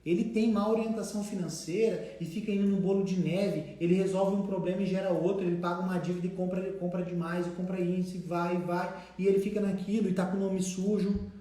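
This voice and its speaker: Brazilian male trainer, higher voice, lively, acts out debtors; heavy room echo. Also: quick pace, hardly any pauses. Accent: Brazilian Portuguese. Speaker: debt collection trainer. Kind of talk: casual instructive talk. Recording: very echoey room.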